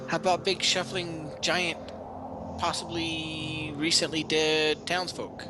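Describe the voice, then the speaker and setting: A man's voice: a little high, flat delivery, slow pace. A man playing a tabletop role-playing game, chatting casually and partly speaking in character. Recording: music behind the voice.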